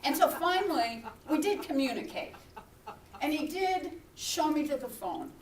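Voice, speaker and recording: A woman minister preaching, telling a personal story and acting out her own shouts and whispers. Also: high-pitched, big pitch swings, moderate pace, roomy sound, far from the mic, a little hiss or hum. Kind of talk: sermon storytelling. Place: church hall.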